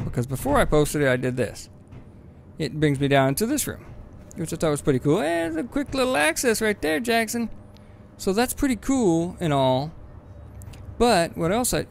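A man talks through his game in a loose, rambling let's-play commentary, swearing casually and jumping into excited bursts. His voice sits a little high with a gravelly, fry-laden edge. Faint game sounds hum underneath. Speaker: gaming video host.

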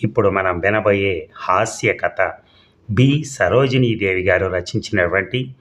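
A male storyteller narrating a comic audiobook story in a measured, expressive way. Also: low voice.

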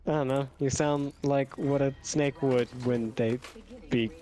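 A man's voice: medium pitch, steady tone, a little slow, warm tone. A man chatting during a game with a teammate, hesitant with many ums and a dry sense of humor. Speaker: gamer. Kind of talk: casual gaming voice chat.

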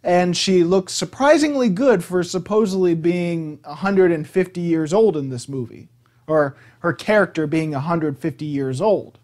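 A man's voice: on the high side, normal speed, a little mellow. A man giving a casual movie review, blunt and opinionated, swearing freely.

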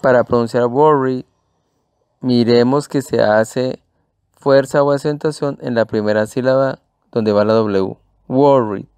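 A man's voice: medium pitch, fairly even intonation, measured pace, darkish tone, clear, resonant tone, dry recording. A man teaching English pronunciation to Spanish speakers, patiently repeating and spelling out each word.

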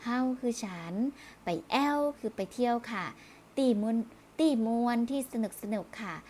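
A patient woman teacher talks young pupils through a review lesson, repeating each word and closing her phrases politely. Her voice sits a little high. A faint hiss runs under the recording. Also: measured pace, a little mellow. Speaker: primary school Thai teacher.

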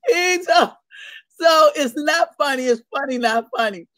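A woman co-hosting a casual morning chat show, loud and laughing as she tells stories and gossips. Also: high voice, lively intonation, measured pace, no room sound. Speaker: co-host.

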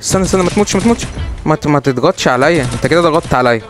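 A young man with an Egyptian Arabic accent giving excitable, teasing live commentary while he plays, his voice jumping up high when the game gets tense. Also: racing. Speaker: gaming streamer. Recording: loud game music and gunfire behind.

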